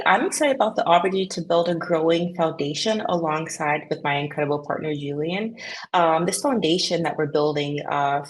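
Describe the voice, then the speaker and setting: Low-voiced woman from Canada, earnest guest. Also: poor audio. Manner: earnest, with frequent fillers. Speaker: podcast guest, business co-founder. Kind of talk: casual interview chat.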